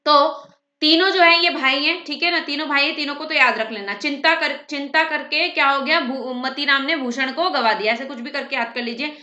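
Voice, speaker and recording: A woman teacher rattles through an exam-prep lecture at speed, often checking in with "theek hai". Her voice sits high and sounds bright and sharp. The room gives it a noticeable echo. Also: dull audio. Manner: fast-talking, brisk.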